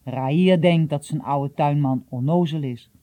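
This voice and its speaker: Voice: medium pitch, a little slow, warm tone, dry recording, natural voice. A reader voicing a shrewd, secretive old male gardener who talks in a confiding, mildly teasing way, in an audiobook. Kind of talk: audiobook reading.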